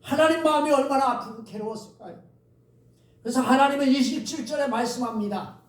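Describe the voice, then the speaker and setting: A man's voice: very high-pitched, a little fast. A man preaching a sermon as pastor, speaking to the congregation and drawing responses from them. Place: church sanctuary. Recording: echoey church recorded from a distance.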